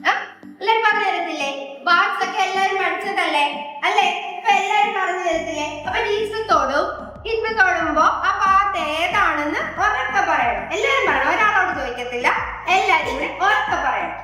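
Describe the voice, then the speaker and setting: A woman's voice: extremely high pitch, expressive, moderate pace, sharp tone. A woman teaching abacus to a group of children in a classroom, coaxing them with sing-song questions. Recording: very echoey room with faint music.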